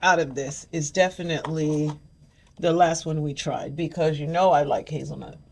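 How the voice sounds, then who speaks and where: A woman's voice: low voice, fairly even intonation, normal speed, darkish tone. An older woman hosting a casual chat, chatty, sometimes reading package text aloud. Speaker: host.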